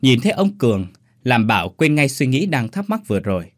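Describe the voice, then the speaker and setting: Man, horror story narration, husky voice, lively pitch, dry sound. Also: a little fast, no echo. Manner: dramatic, expressive storytelling.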